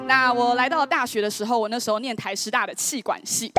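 A woman, telling a personal story in an animated, exclamatory way. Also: fairly high pitch, quick pace. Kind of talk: lively storytelling. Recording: voice over loud background music. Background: background music.

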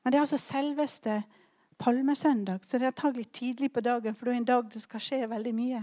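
A woman's voice: fairly high pitch, steady tone, warm tone. A woman preaching a sermon, retelling a Bible story in a conversational way with personal asides and fillers.

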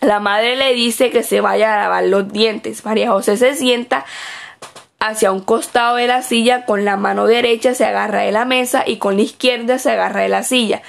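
A woman's voice: fairly high pitch, steady tone, normal speed, gravelly. A woman reading aloud her written observation report as a student observer, with small slips and self-corrections.

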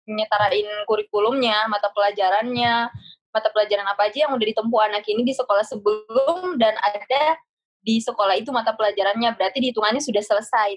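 A young woman chatting casually as a podcast guest, relaxed and slangy, often repeating words as she thinks. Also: on the high side, dry recording.

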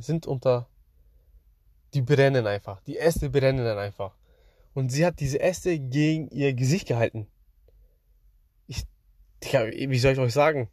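A man's voice: a little high, darkish tone, dry recording, clean studio sound. Slangy young man telling dreams. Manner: slangy, rambling, addresses the audience. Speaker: streamer. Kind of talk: casual storytelling to viewers.

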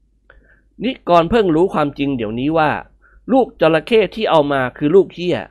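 A woman narrating a comic novel in an expressive storybook reading. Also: deep voice, fairly quick.

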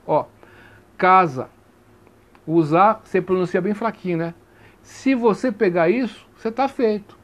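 A man teaching grammar in an informal lesson, chatty and given to checking that listeners follow, spelling sounds out slowly. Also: high-pitched. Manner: chatty, repeats 'tá compreendendo?' often; spells out sounds slowly, stressing each vowel.

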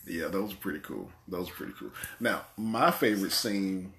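A man's voice: deep voice, moderate pace, creaky, a bit bright, slight background noise. A man hosting a casual movie podcast, rambling and repeating his words as he talks. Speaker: podcast host. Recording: echoey room.

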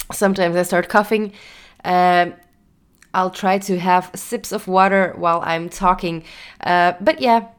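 A woman's voice: on the low side, steady tone, unhurried, clean tone. A young woman hosting her own podcast and talking casually, her voice nasal from a cold, chatty with fillers and small laughs. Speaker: podcast host. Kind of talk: casual solo podcast talk.

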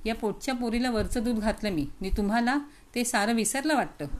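Palace maidservant, tender, hushed, storybook reading; woman reader. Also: on the high side, fairly quick, close to an everyday voice. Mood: fond. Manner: gentle, coaxing, hushed. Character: fond palace maidservant, warm and fearful.

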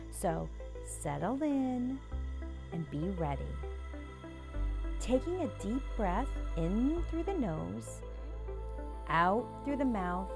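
Female breathing coach for guided relaxation. Gentle, unhurried delivery, long pauses, very varied intonation, music behind. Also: lowish voice. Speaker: podcast host and breathing coach.

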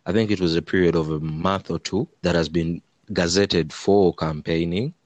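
A man with a very low voice and an East African accent from Uganda speaks as an interview guest. He gives measured, hesitant answers, often doubling back on words. The sound is dry and close. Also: fairly even intonation, a little mellow, no room sound. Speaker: interview guest, human rights lawyer.

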